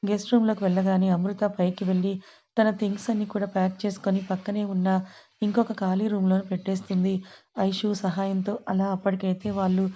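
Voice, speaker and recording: A woman narrating an audio story in a steady, even storytelling manner. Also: medium pitch, a little fast, dull audio.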